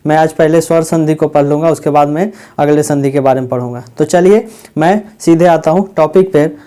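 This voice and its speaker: A man teaching a Hindi grammar lesson, asking his students questions and then answering them himself, repeating the key words slowly. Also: a little high, warm tone.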